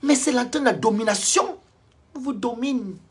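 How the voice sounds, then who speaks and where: A man's voice: very high voice, moderate pace, breathy edge. A man delivering a blunt, preachy rant in a social-media vlog, lecturing his viewers directly. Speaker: online commentator.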